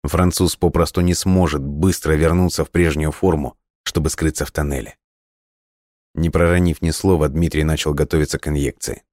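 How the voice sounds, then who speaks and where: A man narrating an audiobook in a steady storytelling read. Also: extremely low pitch, moderate pace, no room sound, studio quality.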